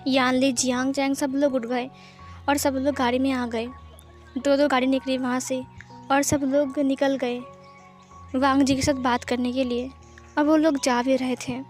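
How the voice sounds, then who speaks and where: Woman storyteller, high voice, brisk narration, faint background music. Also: little pitch movement, a little mellow.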